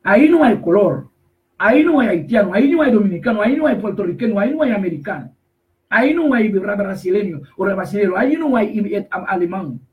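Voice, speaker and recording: A man preaching a sermon, emphatic and repetitive, slowly reading scripture verses and then explaining them. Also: high voice, expressive, far from the mic, poor audio. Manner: emphatic, repetitive, rises to shouts on key phrases.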